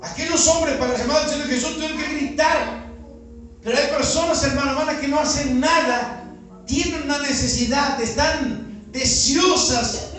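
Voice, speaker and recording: A man's voice: extremely high pitch, fairly bright tone. A man with a Uruguayan Spanish accent, a pastor preaching a sermon and firing rhetorical questions at his congregation, recorded outdoors in a neighborhood. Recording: echoey, from far off, with faint music.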